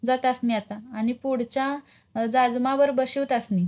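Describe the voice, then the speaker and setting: A woman's voice: high-pitched, steady tone, normal speed, darkish tone, natural voice. A woman voicing a harried male village theatre-troupe manager who barks orders in a short-tempered way. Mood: irritated.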